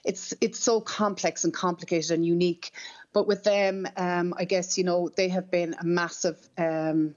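A woman's voice: fairly low pitch, steady tone, normal speed, a little mellow, highs cut off. A woman with an Irish accent giving personal testimony in an interview, reflective and hesitant. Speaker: interview guest.

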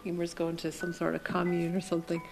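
Creaky-voiced Irish midlands woman, low and reflective. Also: completely flat delivery, quick pace, a little mellow, soft background music. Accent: Irish midlands and border (Cavan). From County Cavan, Ireland. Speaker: interviewee recalling own life. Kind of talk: reflective personal storytelling.

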